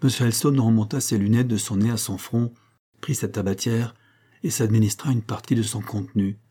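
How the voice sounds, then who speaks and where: Husky, dark-voiced male narrator. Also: on the low side, steady tone, normal speed. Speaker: audiobook reader. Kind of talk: literary audiobook narration.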